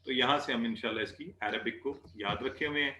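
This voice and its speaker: A man teaching an Arabic class, patiently repeating words slowly for students to drill. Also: mid-range voice, sharp tone, echoey room, a little hiss or hum. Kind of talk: online class lesson.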